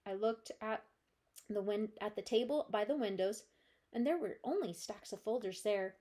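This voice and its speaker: A woman librarian reading a children's chapter book aloud with gentle, steady storytelling. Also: mid-range voice, moderate pace.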